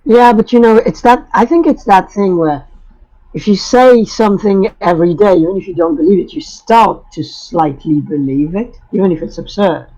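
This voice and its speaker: High-voiced man pitching a plan. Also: moderate pace, darkish tone, dull audio. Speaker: player. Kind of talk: tabletop role-play chat.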